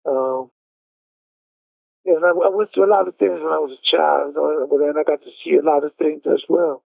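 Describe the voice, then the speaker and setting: A man with a New York accent speaks over a tinny prison payphone line, his somewhat high voice rough with gravel. He tells his story casually, stumbling over and repeating words as he goes. The line is dry and close, with no room sound. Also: fairly even intonation, no echo. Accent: New York City. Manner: halting, repeats words and restarts. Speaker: incarcerated caller.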